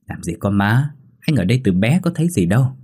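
Man reading as a smooth-talking young husband, coaxing, flattering, low husky voice, storybook. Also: brisk.

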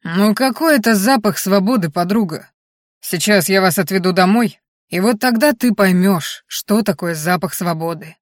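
A brash young orc woman barks orders with rough, cheerful bluntness, played by a woman reader. The storybook recording is dry and close. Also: on the low side, normal speed, no room sound, natural voice. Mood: boastful.

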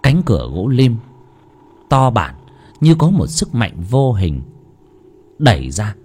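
A man narrating a ghost story in an expressive, dramatic way. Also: takes it slowly, slightly rough. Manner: expressive, swooping between high and low.

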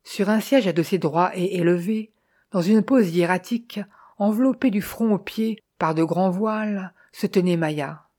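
A woman narrating an audiobook in a measured storytelling manner. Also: mid-range voice, mellow. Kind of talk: scripted narration.

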